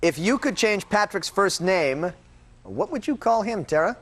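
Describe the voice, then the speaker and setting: High-pitched, animated male game show host. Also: a little slow. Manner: playful, jokey. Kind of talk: game show hosting, bantering with contestants. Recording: loud studio audience and noisy background. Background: studio crowd.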